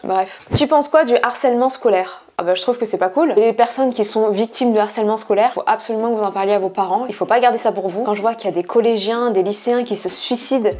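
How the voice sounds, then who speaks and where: A woman's voice: a little high, fast, few pauses, dark tone, a little hiss or hum. A woman talking casually to her viewers while eating a meal, mukbang style, answering questions. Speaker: mukbang vlogger. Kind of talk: casual chatty Q&A to camera.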